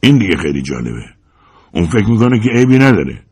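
A man's voice: on the low side, very animated, darkish tone, husky. A sneering, taunting hitman, as a man puts him on. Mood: mocking. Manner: taunting, sarcastic. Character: sneering adult male hitman, mocking.

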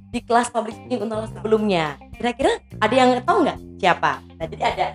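A woman guest on a podcast chat, explaining speaking techniques in a relaxed, explanatory way and breaking into short demonstrations. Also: fairly high pitch, quick pace, soft background music. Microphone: podcast mic.

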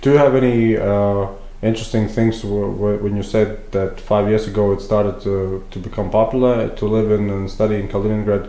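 A man with a fairly low voice chats casually in a roomy, echoing space. He leads the conversation and puts questions to the others. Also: little pitch movement, moderate pace, few pauses, mellow. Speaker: conversation leader. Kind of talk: casual chat. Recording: echoey room.

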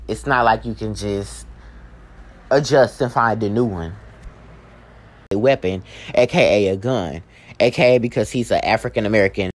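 A man giving a casual spoken book report, talking in an informal, rambling way and correcting himself as he goes. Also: lowish voice.

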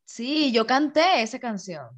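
Giggly woman, slow high voice. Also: animated. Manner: giggly, joking, drawn-out words. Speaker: podcast co-host. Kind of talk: casual chat.

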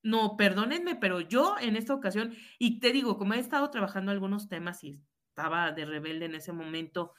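A woman's voice: mid-range voice, brisk. A woman teacher with a Mexican accent, earnestly recounting a personal story in conversation and often ending with a questioning "right?". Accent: Mexican Spanish. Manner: earnest, frequent tag questions, reenacts dialogue. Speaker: high school teacher.

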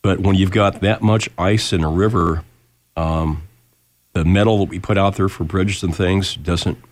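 A very low-voiced American man hosts a casual radio program. He sounds nasal, still recovering from a lost voice, and talks in a halting, folksy way. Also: fairly even intonation, dry recording. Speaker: radio show host. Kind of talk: casual live radio talk.

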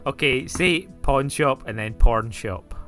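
A man's voice: mid-range voice, takes it slowly, fairly bright tone, soft background music. A man with a Glasgow Scottish accent hosting a casual podcast, joking, swearing and stumbling over his own intro. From Scotland. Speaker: podcast host. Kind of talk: casual chat.

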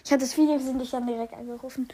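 A young woman chatting casually as a challenge co-host, dramatic and often excitedly repeating herself. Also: high-pitched, very fast, slightly rough.

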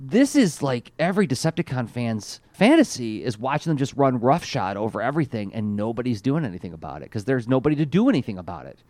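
A man co-hosting a podcast, chatting casually about a cartoon episode, excitable and quick to laugh. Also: medium pitch, dry recording. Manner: excitable, laughs often, animated asides. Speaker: podcast co-host.

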